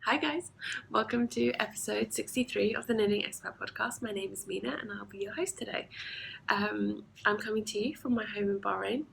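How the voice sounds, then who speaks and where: A woman hosts a knitting video podcast from home, chatting casually with lots of ums and soft asides while sounding slightly sniffly from allergies. Her medium-pitched voice is creaky and fairly quick, picked up by a camera mic in a rough recording with a little hiss or hum.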